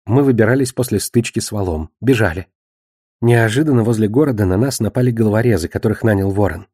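A man's voice: fairly low pitch, fast, warm tone, husky, no room sound, clean studio sound. A man voicing a shaken young man. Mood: confused. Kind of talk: audiobook reading.

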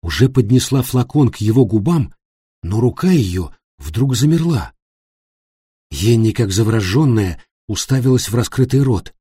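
Male audiobook narrator, mellow husky tone, steady tense storytelling. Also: medium pitch, normal speed, dry recording, studio quality. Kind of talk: scripted narration.

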